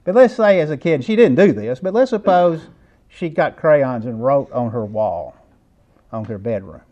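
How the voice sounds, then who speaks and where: A man's voice: mid-range voice, expressive, moderate pace, dark tone, lo-fi sound. A middle-aged man preaching a sermon lesson, conversational and asking his listeners questions. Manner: conversational, asks the audience questions.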